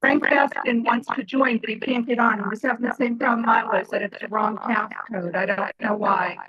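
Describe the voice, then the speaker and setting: A woman's voice: on the high side, fairly even intonation, normal speed. Woman on garbled glitchy call audio. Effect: garbled, glitchy video-call audio. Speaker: remote meeting participant. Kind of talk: casual meeting chat. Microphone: video call. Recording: dull lo-fi video-call line.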